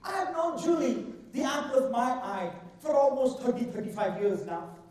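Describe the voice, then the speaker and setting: A man's voice: very high voice, sing-song, darkish tone. Echoey Indian man giving a humorous speech. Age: middle-aged. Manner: theatrical, deliberate delivery with drawn-out emphasis. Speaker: contest speaker. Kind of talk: humorous rehearsed speech to an audience. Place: large indoor event hall. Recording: echoey hall, far from the mic.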